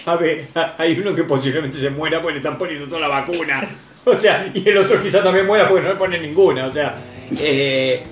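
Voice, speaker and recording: A man's voice: fairly high pitch, a little fast. A man with a Rioplatense accent co-hosting a casual comedic chat, full of swearing and mock-outraged banter. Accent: Rioplatense Spanish. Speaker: co-host. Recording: roomy, faint music behind.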